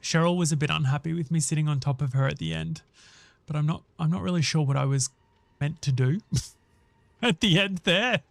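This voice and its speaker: Guy streamer w a bit of a higher voice, chatty gaming commentary, thinking out loud, pretty dry sound. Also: fairly even intonation, fast, gravelly, dry recording. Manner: conversational, thinking aloud while addressing viewers. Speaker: live streamer and host. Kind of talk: casual gaming livestream chat and commentary.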